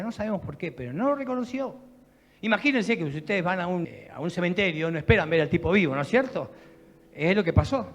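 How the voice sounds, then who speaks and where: A man's voice: high-pitched, vocal fry, big-room sound. A male pastor with a Rioplatense Spanish accent, preaching a sermon and retelling a story with jokes and asides to the congregation.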